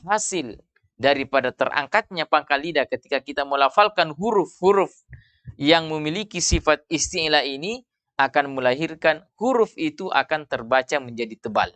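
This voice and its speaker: A man's voice: a little high, expressive, normal speed, fairly bright tone, no echo. A man teaching a tajwid lesson, explaining steadily and often saying "iya" between points. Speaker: Quran recitation teacher. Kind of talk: tajwid lesson with call-and-repeat.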